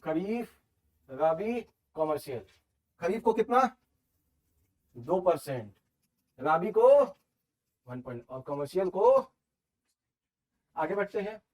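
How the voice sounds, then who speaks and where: A man with a Hindi accent teaching a class, briskly quizzing his students as he reviews questions. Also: high voice, recorded from a distance.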